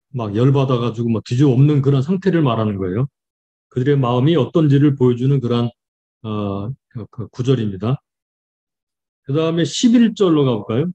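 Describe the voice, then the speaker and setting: A man, a pastor, giving a Bible study lecture, reading verses slowly and explaining them with frequent fillers. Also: mid-range voice, warm tone, muffled recording.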